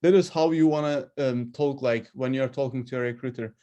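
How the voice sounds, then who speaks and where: A man who is a non-native English speaker, giving informal, unscripted advice in a halting, conversational way with illustrative examples. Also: mid-range voice, warm tone, dull audio. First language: not English. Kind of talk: informal unscripted coaching talk.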